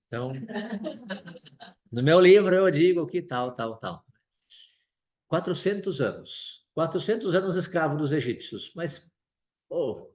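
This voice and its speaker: A priest with a Brazilian Portuguese accent preaches a sermon in a fairly high voice. He is lively and acts out prayers and quotes in shifting voices as he teaches.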